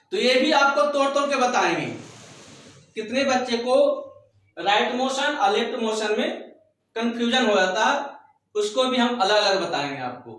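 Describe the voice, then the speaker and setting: A man teaching a shorthand class, explaining slowly and repeating his points. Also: very high voice, a bit bright, very echoey, distant mic. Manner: slow, repetitive explaining. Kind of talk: classroom lesson.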